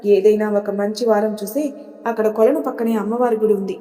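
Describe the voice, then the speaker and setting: Storybook role: woman reading a caring older mother-in-law, gentle and advising, mellow, reverberant. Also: medium pitch, fairly even intonation, fairly quick, natural voice. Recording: reverberant room.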